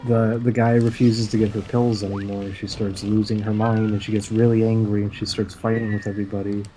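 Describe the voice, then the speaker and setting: Low-voiced man recapping a cartoon. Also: warm tone, low-quality recording. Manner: rambling storytelling with frequent "uh" pauses. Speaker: stream co-host. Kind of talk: casual chat recapping cartoons.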